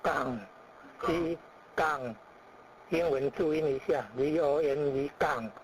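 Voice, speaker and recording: A man with a somewhat high voice teaches pronunciation at a slow pace over a noisy background. He explains each sound by likening it to everyday words, then repeats it several times.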